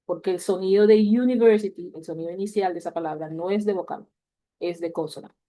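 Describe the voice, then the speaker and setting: A woman teaching a class, patiently explaining grammar and slowly repeating example words. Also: fairly low pitch, dark tone. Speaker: English teacher.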